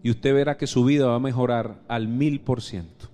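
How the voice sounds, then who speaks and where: A man with a Venezuelan accent preaching a live church sermon, emphatic, firing questions at the congregation and swinging from loud exclamations to soft low asides. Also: fairly even intonation, normal speed, faint music behind. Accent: Venezuelan Spanish. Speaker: pastor. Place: church service.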